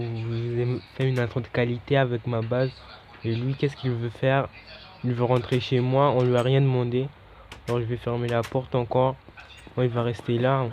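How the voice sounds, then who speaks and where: A young man chats loosely over his gameplay, stumbling and correcting himself as he goes. His delivery stays fairly flat and even. The lo-fi home mic sounds dull, with a faint hiss behind it. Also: medium pitch. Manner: loose, chatty, self-correcting. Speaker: gaming YouTuber. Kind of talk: casual gameplay commentary.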